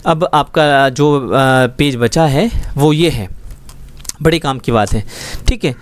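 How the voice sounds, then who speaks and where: A man's voice: mid-range voice, smooth, no echo. A man teaching a schoolbook Urdu lesson, explaining words patiently and often checking that students follow. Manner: patient, explains slowly with frequent check-ins.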